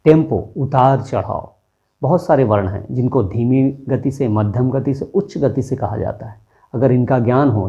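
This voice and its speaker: A man with a dark, mellow voice teaches a lesson in a patient, methodical way. He asks himself questions and then answers them, walking the listener through each point. The recording is a little dull and lo-fi. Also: mid-range voice. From India. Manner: steady, explains step by step with rhetorical questions. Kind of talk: explanatory lesson.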